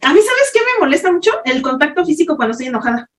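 A high-pitched woman with a Mexican accent chats playfully, mimicking other people's voices. She is a little off-mic in an echoey room with a soft hiss. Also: very animated, rapid-fire, distant mic. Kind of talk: casual chat. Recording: echoey, off-mic, faint noise.

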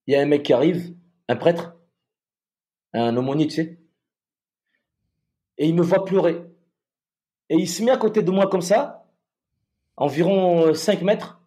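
A man, a soldier, telling a personal story in a halting way, with many repeated restarts. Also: on the high side, mellow.

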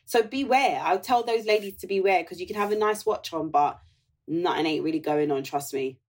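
A woman with a husky voice, chatting casually as a panel guest. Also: lowish voice, a little fast. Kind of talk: casual chat.

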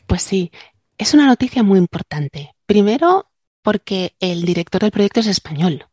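A woman's voice: medium pitch, animated, moderate pace, darkish tone, no echo. A woman co-hosting a casual science podcast, a linguist who chats, jokes and explains things with digressions. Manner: chatty, joking, explains with digressions.

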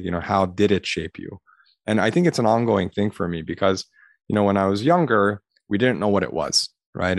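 A podcast guest from Los Angeles, an admissions consultant with a deep voice, gives a conversational interview answer. He's earnest and reflective, leaning heavily on "you know." The recording is clean, dry studio sound.

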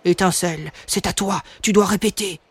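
A woman's voice: fairly low pitch, fairly even intonation, moderate pace, breathy edge. A woman voicing a proud, stern male father dragon who speaks in a solemn, commanding way, in a storybook reading.

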